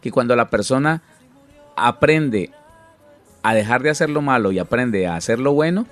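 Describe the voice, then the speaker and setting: A man's voice: mid-range voice, expressive, normal speed, fairly bright tone, faint music behind. A middle-aged man, a pastor, earnestly explaining Bible teaching in conversation with many restarts.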